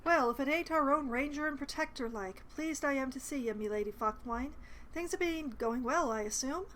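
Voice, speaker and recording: A woman's voice: high-pitched, normal speed, a bit bright, slight background noise. A woman voicing a plain-spoken, deferential rustic innkeeper with folksy, old-fashioned dialect, reading video game lines.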